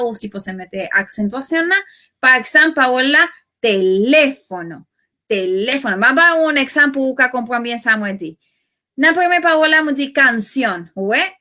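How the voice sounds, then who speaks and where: Bright-voiced Haitian teacher woman. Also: sits high. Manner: explains slowly, repeats example words with stressed syllables. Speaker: language teacher. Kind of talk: spoken language lesson.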